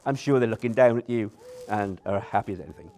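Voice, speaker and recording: Animated best man giving a wedding toast. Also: fairly low pitch, fast, slight background noise. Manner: nervous, self-deprecating, joking. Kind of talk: informal wedding speech to guests. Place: wedding reception in front of seated guests.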